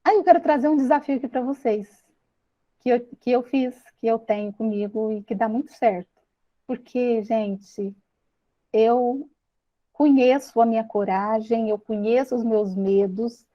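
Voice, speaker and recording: Brazilian woman, high voice, earnest confessional teaching talk, slightly dull lo-fi recording. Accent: Brazilian Portuguese. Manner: earnest, confessional, with restarts and tender pauses. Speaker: speaker of a self-help talk. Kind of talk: personal teaching talk to an audience.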